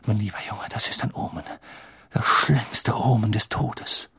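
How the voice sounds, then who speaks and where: A man reading an audiobook, voicing a dramatic, eccentric female fortune-telling teacher who talks in breathy, hushed whispers. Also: lowish voice, unhurried, dry recording, heavily acted. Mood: ominous whisper.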